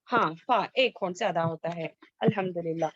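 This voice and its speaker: A woman teaching Quran recitation in an online class, asking students questions and slowly drilling sounds. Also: fairly low pitch, dry recording. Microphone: video call. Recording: dull lo-fi video call audio.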